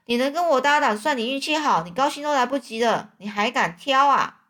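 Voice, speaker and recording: A woman's voice: sits high, lively intonation, brisk, fairly bright tone. A woman storyteller voicing a boastful old male swindler who poses as a preacher, talking in a brash, defensive way. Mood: angry.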